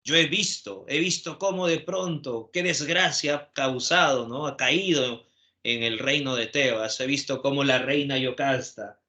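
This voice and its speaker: Hombre que hace de heraldo afligido, lento, quejumbroso, voz brillante. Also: male voice, medium pitch, a little slow, pushed and bright. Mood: lamenting. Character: grieving male herald bringing bad news.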